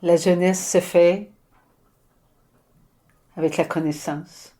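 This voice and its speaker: Slow, hushed Québécois woman. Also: on the low side, steady tone. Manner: slow, halting phrases with soft whispered asides. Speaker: spiritual medium. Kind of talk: inspired prophetic message.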